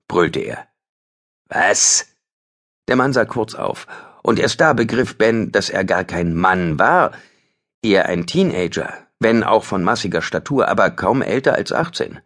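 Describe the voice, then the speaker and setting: A man's voice: sits low, a bit bright. A man narrating a thriller audiobook in a tense, dramatic scripted reading.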